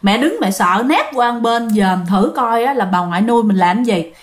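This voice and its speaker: A woman's voice: a little high, lively intonation, moderate pace. A woman with a Southern Vietnamese accent telling ghost stories in a chatty way, often addressing her listeners directly. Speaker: ghost story narrator. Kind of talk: casual storytelling of listener-sent ghost stories.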